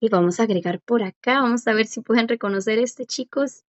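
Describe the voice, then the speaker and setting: Quizzing students and praising their answers, a woman runs a language class with patient encouragement. Her voice is a little high and her pace brisk, captured in dull, lo-fi audio that is dry and echo-free.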